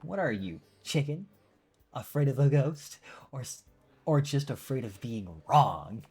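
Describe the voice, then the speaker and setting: A man voicing a chatty, teasing teenage schoolgirl in a visual novel he reads aloud, pitching his voice up for her. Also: expressive, a little slow, darkish tone. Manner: teasing, prodding. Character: teen girl student, chatty and teasing.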